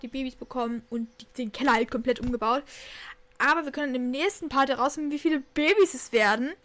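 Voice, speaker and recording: A young woman casually commenting while she plays a life-simulation game, chatty and cooing excitedly over new kittens. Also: high voice. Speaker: Sims let's play host.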